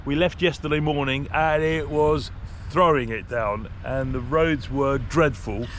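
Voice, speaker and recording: A man's voice: a little high, unhurried, fairly bright tone, a little hiss or hum. A man talks casually to camera as a travel vlogger, in an understated, matter-of-fact way.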